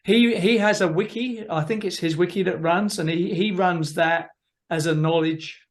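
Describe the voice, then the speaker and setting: Middle-aged male host, somewhat high-pitched, wry and easygoing. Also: normal speed. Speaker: podcast host. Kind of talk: casual podcast conversation.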